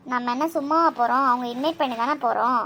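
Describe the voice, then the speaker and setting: A woman voicing a calm, practical middle-aged mother in a cartoon, matter-of-fact and gently scolding. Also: sits high, fast talker, a little hiss or hum. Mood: insistent. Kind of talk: cartoon voice acting.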